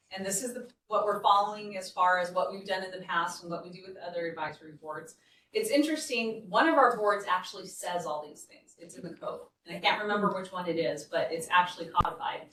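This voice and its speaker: A woman's voice: medium pitch, fairly bright tone, slight background noise. Woman explaining board rules from afar. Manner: conversational, explanatory with frequent restarts. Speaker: city staff presenter. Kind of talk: training presentation. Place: meeting room. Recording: echoey meeting room, distant mic.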